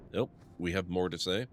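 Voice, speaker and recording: A man's voice: deep voice, bright, forceful tone, slight background noise. A man giving casual, chatty live commentary as he streams a video game. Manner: informal, chatty. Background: faint game music.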